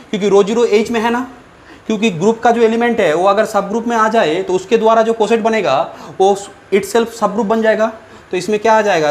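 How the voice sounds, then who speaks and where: High-voiced man teaching maths. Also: slight background noise. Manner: repetitive, asks students questions, thinks aloud with fillers. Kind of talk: whiteboard lecture.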